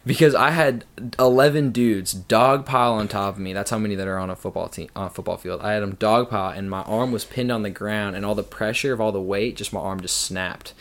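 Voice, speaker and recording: A young man, a podcast guest, telling a story in a casual, animated way and acting out the people in it. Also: fairly quick, few pauses. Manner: animated storyteller, acts out quotes with big jumps in pitch.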